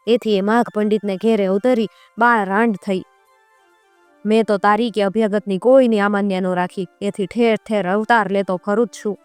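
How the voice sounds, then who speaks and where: A woman's voice: mid-range voice, smooth, no echo. A woman narrating a traditional folk tale and voicing the characters' lines as she tells it. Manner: voices characters in quoted speech. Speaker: storyteller.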